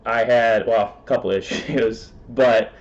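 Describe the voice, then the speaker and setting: A man talking fast as a guest in a casual interview, with lots of fillers and frequent laughs. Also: mid-range voice, fairly even intonation, lo-fi sound. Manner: talks fast, laughs often, many fillers.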